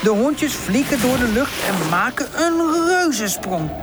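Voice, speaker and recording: A woman narrating a children's storybook in a calm, gentle reading voice. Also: a little high, unhurried, music in the background. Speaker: audiobook narrator.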